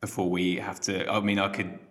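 A man's voice: low-pitched, little pitch movement, normal speed, a bit bright, a little hiss or hum. A man hosting a podcast interview, putting questions in a polite, informal way. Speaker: podcast host. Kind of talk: casual interview chat.

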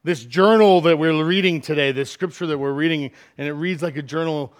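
A middle-aged man preaching a sermon as pastor, swinging from loud, emphatic lines to quiet asides. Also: fairly high pitch, fairly quick.

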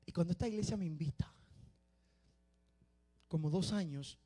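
A man preaching a sermon, dropping to quiet confiding talk and rising to loud shouted exhortation. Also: on the high side, moderate pace, husky.

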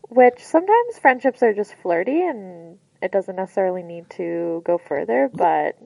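Mellow woman radio co-host. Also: mid-range voice, sing-song, normal speed, gravelly, dry recording. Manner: laughs easily, thinks aloud. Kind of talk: casual radio chat. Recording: dull lo-fi sound, dry.

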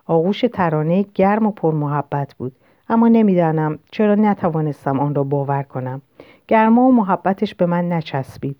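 Low-voiced woman narrating a novel. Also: dry recording. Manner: calm, reflective first-person reading. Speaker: audiobook narrator. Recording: dull lo-fi recording.

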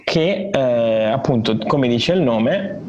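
A man co-hosting a casual chat over a remote call, talking with many pauses and fillers as he describes things. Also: medium pitch, expressive, a little mellow, dull audio, a little hiss or hum. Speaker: podcast co-host reviewing beer.

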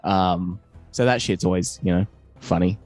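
Deep-voiced, hesitant male co-host. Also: normal speed, a little mellow, faint music behind. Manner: hesitant, many ums and uhs. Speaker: podcast co-host. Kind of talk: casual chat.

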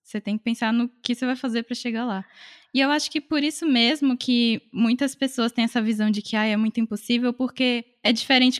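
Woman, from Salvador, slightly high voice, relaxed chatty conversation. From Salvador, Brazil. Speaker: singer, artist. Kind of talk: casual conversation.

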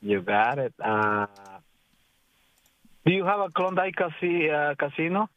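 A man calling in by phone while driving, who talks hesitantly and pauses to search for names. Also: fairly high pitch, big pitch swings. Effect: speaking on the phone from a moving car. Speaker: radio show caller. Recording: tinny phone line, dry.

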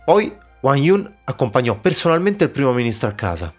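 A man hosting a history podcast, narrating the story calmly with explanatory asides. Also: mid-range voice, brisk, soft background music. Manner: calm explanatory retelling with asides.

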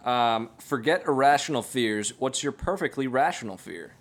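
A man's voice: mid-range voice, lively intonation, normal speed. A man co-hosting a podcast in casual chat, swearing offhandedly and steering the questions. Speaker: podcast co-host.

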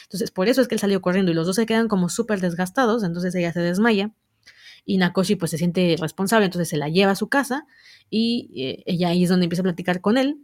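A woman's voice: medium pitch, a little mellow, no echo, studio quality. A woman casually recapping a manga, chatty and explanatory, often checking in with the listener. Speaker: manga reviewer.

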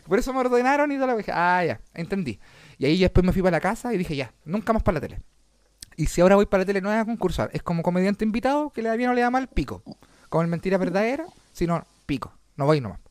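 Animated Chilean man telling stories. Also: high voice, very fast, clear, resonant tone, no room sound. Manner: swearing, animated, laughs often. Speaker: comedian and podcast host. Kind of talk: casual podcast chat, comic storytelling.

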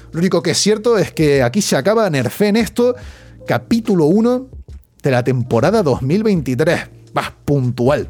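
Podcast host: young Spanish man, Spain Spanish accent, slangy and animated, with a voice a bit on the high side. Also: slightly rough. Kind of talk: casual news chat.

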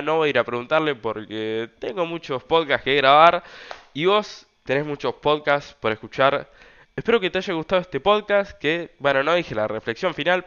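A man's voice: medium pitch, fairly bright tone, smooth, dull audio. Young Argentine man rambling through a story. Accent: Argentine Rioplatense Spanish. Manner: rambling, loose, slangy, many fillers. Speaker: podcast host. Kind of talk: casual storytelling monologue.

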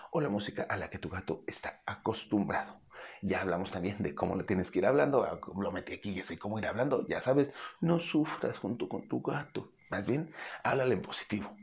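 A man's voice: fairly low pitch, creaky, darkish tone. A man, hosting a cat care podcast in a casual, practical way and speaking straight to the listener. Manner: friendly, practical, addresses the listener directly. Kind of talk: casual instructional talk.

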